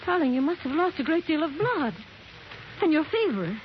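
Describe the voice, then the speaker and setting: A woman's voice: sits high, big pitch swings, fairly quick. An actress in her twenties playing an anxious, insistent young fiancée in a 1940s radio drama, urgent and pressing. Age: 20s. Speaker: character in a vintage radio drama. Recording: muffled, faintly hissy vintage radio recording.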